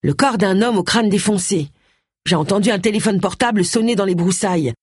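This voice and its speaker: Brief: young man, urgent and insistent, voiced by the narrator, husky. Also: mid-range voice, fairly quick, no echo, clean studio sound, voice pushed up, lightly acted. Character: shaken young man who found a body.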